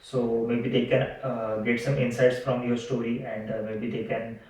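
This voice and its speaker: A man hosting an interview, asking questions haltingly with many "uh" and "means". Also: mid-range voice, flat delivery, darkish tone, far from the mic. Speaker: host, interviewer. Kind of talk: casual interview. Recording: echoey room, voice off-mic, faint noise.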